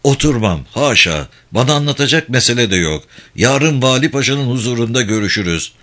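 A man's voice: mid-range voice, lively intonation, a little fast, fairly bright tone. A man voicing a proud, stubborn elderly notable who talks haughtily and defiantly. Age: older.

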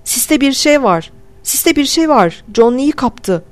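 A man voicing a panicked man with a bloody nose who shouts in terror, dragging his words out. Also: extremely high pitch, lively intonation, slow pace, voice pushed up, exaggerated voice. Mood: terrified.

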